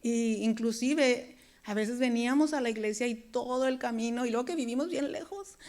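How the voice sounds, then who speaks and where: A woman's voice: on the high side, normal speed, darkish tone. A woman preaching a sermon, talking to her congregation in an earnest, conversational way. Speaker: preacher and worship leader.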